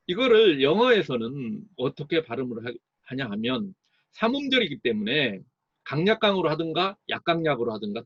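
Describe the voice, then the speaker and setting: A man giving a recorded lecture as an English teacher, explaining slowly and sounding out words to model their stress. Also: mid-range voice, fairly bright tone, slightly rough, no room sound, dull audio.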